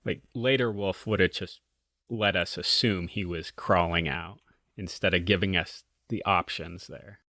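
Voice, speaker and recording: A man's voice: sits low, fairly even intonation, measured pace, sharp tone, no echo, clean studio sound. A man co-hosting a podcast, talking over a short story in an easygoing, reflective way. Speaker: podcast co-host. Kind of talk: casual book discussion.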